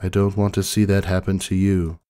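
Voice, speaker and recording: A man's voice: low voice, fairly quick, clean tone, close to an everyday voice. A man doing a stone-faced pony sister. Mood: stern. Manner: deadpan, firm. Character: stoic young female pony, elder sister. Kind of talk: fan fiction dramatic reading.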